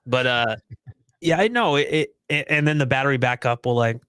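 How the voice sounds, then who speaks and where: Man, young adult, podcast co-host, casual live-stream chat, rambling, smooth voice, mid pitch. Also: normal speed, a bit bright, no room sound. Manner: rambling, easygoing and self-deprecating.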